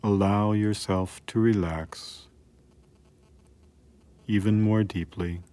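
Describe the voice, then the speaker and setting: A man calmly narrating a scripted guided relaxation in a soothing, measured way with long pauses. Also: fairly low pitch.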